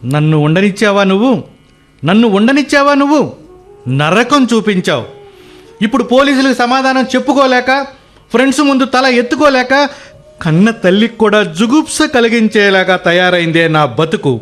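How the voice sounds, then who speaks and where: A remorseful, self-blaming son in a radio play, his voice pitched high and sorrowful. Faint music plays behind him. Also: animated, normal speed, fairly bright tone. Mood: bitter. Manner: mournful, self-reproaching. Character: guilt-ridden married son, grieving, remorseful.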